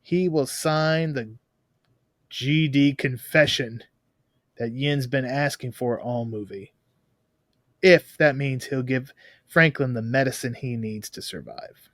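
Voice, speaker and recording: A man hosting a podcast, retelling a film's plot in a lively way with quick asides. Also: mid-range voice, no echo, studio quality. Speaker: podcast host. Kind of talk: casual film-review chat.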